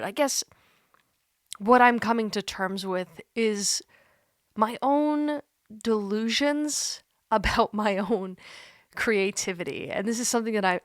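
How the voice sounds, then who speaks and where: Woman in her 30s rambling honestly into the camera, self-deprecating, middle pitch, dead dry room. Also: clean tone, no echo. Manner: earnest, self-deprecating, laughs at herself. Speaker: YouTuber. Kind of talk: candid reflective monologue. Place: home, seated in a creaky chair.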